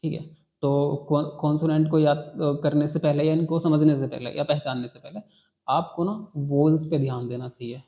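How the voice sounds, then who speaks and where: A man's voice: on the high side, fairly even intonation, moderate pace. Patient man teaching a class. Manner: patient, repeats key words and checks with "ठीक है". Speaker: English teacher. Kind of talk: classroom lesson. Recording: dull lo-fi sound.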